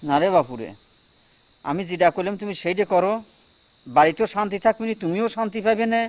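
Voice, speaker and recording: A man's voice: sits high, lively intonation, fairly quick, darkish tone. An actor playing a stern older village father who lectures his son. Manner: firm, lecturing.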